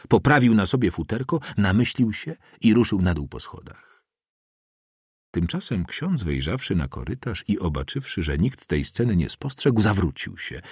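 Mężczyzna czytający powieść jako lektor audiobooka, wyważenie i ekspresyjnie. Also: male voice, low-pitched, husky, no room sound, studio quality. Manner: measured, expressive reading. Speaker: audiobook narrator. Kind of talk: scripted literary narration.

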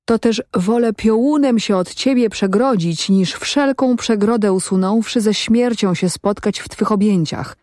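A woman's voice: medium pitch, unhurried, few pauses, darkish tone, dry recording, studio quality, voice pushed up, natural voice. A woman voicing a wary, stubborn peasant man who gives evasive, guarded replies in a storybook reading. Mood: boastful.

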